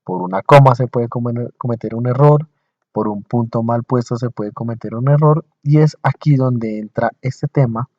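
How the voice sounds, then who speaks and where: A male teacher giving a recorded lecture over slides, explaining in short, slow phrases, repeating points and checking in with his listeners. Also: mid-range voice, dark tone, no echo, dull audio.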